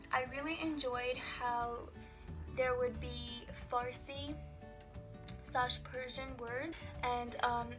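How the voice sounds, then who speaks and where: A woman from Pakistan giving an informal book review, with frequent fillers and pauses. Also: a little high. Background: background music.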